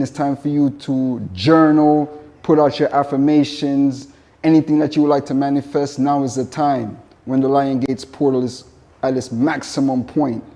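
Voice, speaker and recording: A man's voice: medium pitch, dark tone. A man from Jamaica with a Jamaican accent, a vegan chef giving a casual spoken presentation, earnest and repeating his points. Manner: earnest, repetitive phrasing with spiritual asides.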